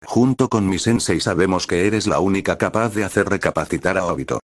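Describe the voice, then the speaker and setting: A man voicing a calm, direct teenage boy ninja hero in a fan-fiction reading. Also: sits low, fairly quick, dry recording, clean studio sound. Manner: calm, steady, matter-of-fact.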